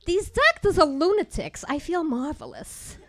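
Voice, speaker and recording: A woman's voice: medium pitch, lively intonation, fairly quick, clear, resonant tone, lightly acted. A woman putting on a chipper old New York aunt. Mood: scoffing. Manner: breezy, dismissive, unbothered. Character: cheerful 90-year-old aunt, thick New York accent.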